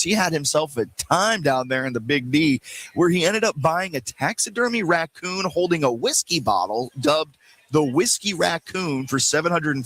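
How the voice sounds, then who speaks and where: A man hosting a sports talk radio show, chatting casually in a playful, animated way, with quick asides and jokes. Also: a little high, no room sound, low-quality recording. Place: radio show booth at a live event.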